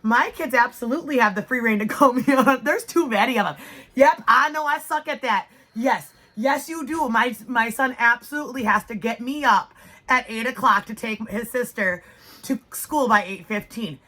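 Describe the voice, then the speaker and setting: A woman's voice: a little high, normal speed, pushed and bright. A woman in her thirties, a podcast co-host, talking frankly and casually, with swearing and frequent laughter. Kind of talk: casual chat.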